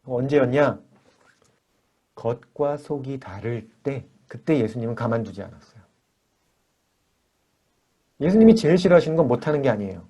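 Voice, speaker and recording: A man teaching a character-training lesson for children and parents at church, lively and acting out little dialogues with kids, speaking over a video call. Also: medium pitch, moderate pace, long pauses, husky.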